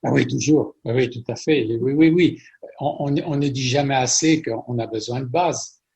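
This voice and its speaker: A middle-aged man from France, a chef being interviewed, telling stories in a lively conversational way and often repeating words as he thinks. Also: medium pitch, moderate pace, gravelly. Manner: warm storytelling with frequent repetitions.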